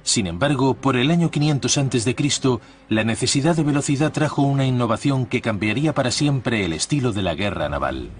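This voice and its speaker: Guy doing documentary voice-over, measured and formal, mid pitch, studio mic. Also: expressive. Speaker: documentary narrator.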